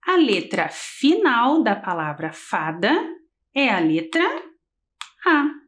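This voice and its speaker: A woman teacher leading a TV literacy lesson for young children, talking in a slow sing-song and stretching syllables as she counts letters. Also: mid-range voice, very animated, a bit bright. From Brazil. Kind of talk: early-grade literacy lesson on TV.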